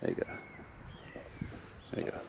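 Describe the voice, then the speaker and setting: A man's voice: normal speed, dull audio, heavy background noise. A man, a farmer and vlogger, teasing and laughing in casual banter, recorded on a camera mic. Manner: playful, teasing, laughs often. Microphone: camera-mounted mic.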